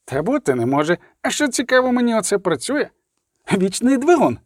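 A man's voice: high voice, sing-song, a little fast, no echo, studio quality, voice pushed up. A man voicing a skeptical chemistry professor who scoffs sarcastically. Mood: scoffing. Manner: mocking, scoffing.

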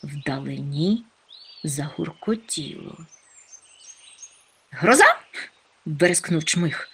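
Slow expressive woman reading a storybook. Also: lowish voice, slightly rough. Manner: expressive, unhurried. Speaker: audiobook reader. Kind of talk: storybook narration.

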